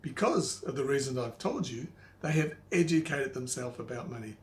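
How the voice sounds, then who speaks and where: Older male, wise elder mentor type for motivational instruction. Didactic, plain-spoken, mid-range pitch, recorded in an echoey room. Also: lively intonation, normal speed. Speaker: money coach, presenter. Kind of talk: motivational instructional monologue to the viewer. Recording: echoey room, faint background noise.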